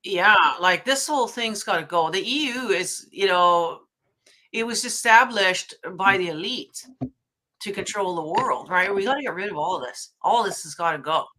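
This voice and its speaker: A woman from Norway talks as a guest on a casual show. Her voice is bright and forceful. She chats freely and fills her sentences with "like" and "you know". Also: mid-range voice, expressive, normal speed. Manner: chatty, lots of "like" and "you know". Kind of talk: casual podcast chat.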